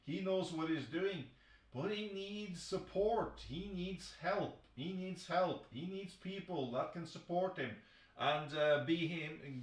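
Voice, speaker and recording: A man hosting a football chat stream. He talks excitably, swears often, and restarts his sentences a lot. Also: sits high, reverberant, distant mic, poor audio. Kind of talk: live football commentary chat.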